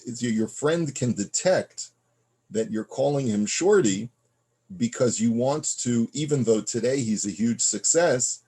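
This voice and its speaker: Gravelly low-voiced man teaching a text class. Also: warm tone. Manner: reads Hebrew passages aloud, then explains them in plain conversational English; frequent fillers and restarts, checking in with the listener. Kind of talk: text study lesson.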